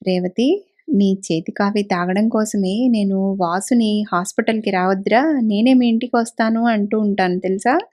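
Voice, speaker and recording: A woman's voice: mid-range voice, normal speed, natural voice. Caring village doctor, read by a woman. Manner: gentle, caring, reassuring. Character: kindly middle-aged male village doctor. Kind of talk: audiobook character reading.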